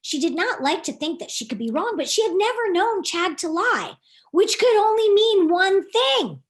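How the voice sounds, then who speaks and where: A woman author reads her own children's book aloud in an animated storytime, her very high voice swinging widely in pitch at normal speed. She reads expressively and often asks questions of her young listeners.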